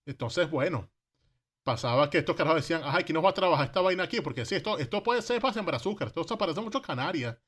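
A man's voice: on the high side, lively intonation, rapid-fire, a bit bright. A man with a Venezuelan Caribbean Spanish accent telling history casually, in slangy everyday speech, asking rhetorical questions and acting out quotes.

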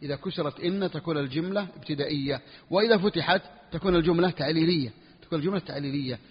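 A man teaching a religious text in a classroom lesson, repeating phrases slowly for his students. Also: a little high, slightly rough. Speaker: Islamic scholar teaching a book. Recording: dull lo-fi recording in a reverberant hall.

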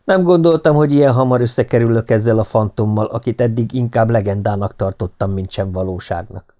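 A man narrating an adventure novel in the first person as an audiobook, in a steady, measured reading. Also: mid-range voice.

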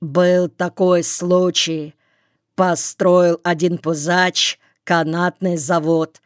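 A woman's voice: fairly low pitch, flat delivery, slow pace, clear, resonant tone, dry recording, studio quality. A woman doing a worldly old tailor spinning a tale. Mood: confiding. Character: seasoned old male tailor telling a tale.

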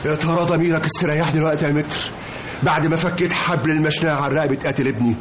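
A man's voice: fairly high pitch, fairly even intonation, rapid-fire, natural voice. An actor playing a grieving older father of a murdered son, accusing and sarcastic, with an Egyptian accent. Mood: bitter accusing. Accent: Egyptian Arabic. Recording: echoey old radio drama with hiss.

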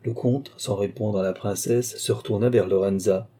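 A male audiobook narrator reading a classic novel in a measured, even way. His voice is very dark and mellow, with a husky grain. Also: lowish voice. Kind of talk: scripted narration.

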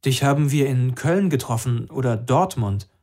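A man's voice: medium pitch, lively intonation, normal speed, darkish tone, natural voice. A man doing a sceptical young woman.

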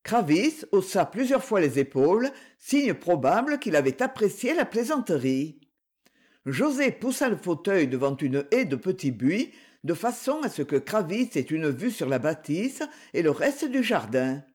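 Expressive audiobook narrator. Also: mid-range voice, unhurried, breathy edge. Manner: even, storytelling reading. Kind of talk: scripted narration.

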